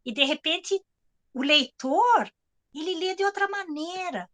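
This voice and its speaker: A woman's voice: extremely high pitch, lively intonation, unhurried, bright, forceful tone. A woman writer with a Brazilian accent telling anecdotes to an audience in a chatty way, often checking in with tag questions. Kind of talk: storytelling talk to an audience.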